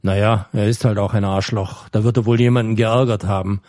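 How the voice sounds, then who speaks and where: A man reading a story plays a sly older prisoner who speaks low and quietly with mock innocence. The tone is dark and mellow. The recording is dry and close. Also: steady tone, a little fast, no room sound, natural voice.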